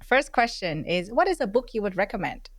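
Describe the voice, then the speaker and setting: A woman's voice: medium pitch, sing-song, fairly quick, dry recording. Woman podcast host, friendly with fillers. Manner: friendly, many fillers, laughs often. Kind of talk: casual interview chat. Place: recorded virtually, remote call.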